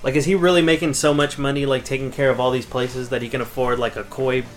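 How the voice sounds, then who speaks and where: A man's voice: mid-range voice, level tone, fast, faint music behind. Laid-back man chatting about a movie. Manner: laid-back, profane, laughing often. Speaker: podcast co-host. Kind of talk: casual movie chat.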